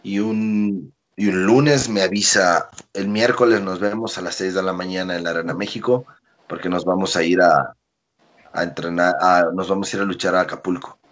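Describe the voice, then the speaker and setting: A man's voice: low voice, normal speed. A man from Veracruz, Mexico, with a Mexican accent, telling a long anecdote as a podcast guest and acting out what others said. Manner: animated storyteller, acts out quotes. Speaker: guest wrestler. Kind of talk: casual anecdote in a podcast interview.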